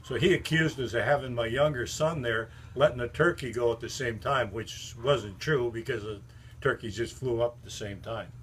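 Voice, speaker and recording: A man's voice: mid-range voice, normal speed, a bit bright, slight background noise. An older man telling folksy, rambling anecdotes about a longtime friend while endorsing the friend's books. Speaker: friend giving a book endorsement. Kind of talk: casual storytelling.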